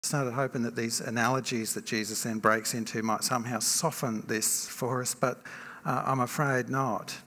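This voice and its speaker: A man preaching a sermon in a church, measured and reflective, often asking rhetorical questions. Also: mid-range voice, steady tone, pushed and bright. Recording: long reverb from a large hall.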